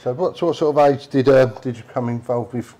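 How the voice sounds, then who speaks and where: A man's voice: medium pitch, a little fast, warm tone. Easygoing man interviewing. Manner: easygoing, brief prompts and nods. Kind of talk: casual interview. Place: indoor studio with mural wall. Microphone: lapel.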